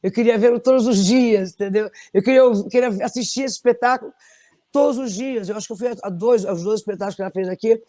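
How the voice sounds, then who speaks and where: A middle-aged woman from Belém, Brazil, with a Brazilian Portuguese accent, a singer telling animated stories in an interview with many restarts. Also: on the high side, fast talker. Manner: animated storytelling, frequent restarts. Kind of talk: conversational interview.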